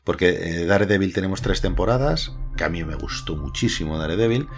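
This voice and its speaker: A man's voice: low-pitched, expressive, fairly quick, faint music behind. A man, co-hosting a casual podcast chat about comics and giving blunt, opinionated verdicts. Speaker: podcast co-host.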